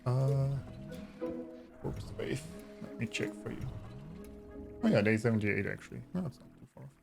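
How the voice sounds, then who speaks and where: A man giving casual gameplay commentary, thinking aloud with hesitant pauses. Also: medium pitch, expressive, vocal fry. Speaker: gamer commentating on own play. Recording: faint game music behind voice. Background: video game music and unit voices.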